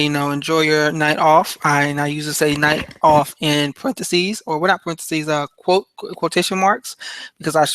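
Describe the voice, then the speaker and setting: A man's voice: fairly high pitch, fairly bright tone, smooth, dry recording, rough recording. A man hosting a podcast on his own, talking casually about fights with a loose, rambling delivery and plenty of fillers and restarts. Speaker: podcast host. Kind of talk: casual solo podcast talk.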